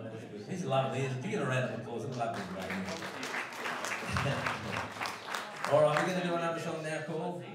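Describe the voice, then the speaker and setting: Male stage singer from Liverpool, higher voice, playful crowd banter; echoey hall, heard from afar over loud backing music. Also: recorded from a distance. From Liverpool, England. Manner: cheeky, jokey, playful with the crowd. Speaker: singer and entertainer. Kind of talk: live singing with cheeky audience banter. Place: large hall at a live event.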